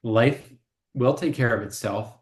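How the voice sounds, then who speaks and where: A man's voice: medium pitch, a little slow. A man co-hosting a casual spiritual conversation, speaking in an earnest, reflective way and laughing often. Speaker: co-host.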